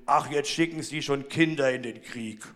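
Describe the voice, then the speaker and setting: A man's voice: mid-range voice, normal speed, fairly bright tone, lightly acted. A man voicing a giant warrior who speaks scornfully and mockingly.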